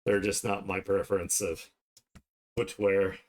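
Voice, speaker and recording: Low-pitched and flat, a man keeps a measured pace as he talks casually with viewers on his art livestream, rambling as he draws.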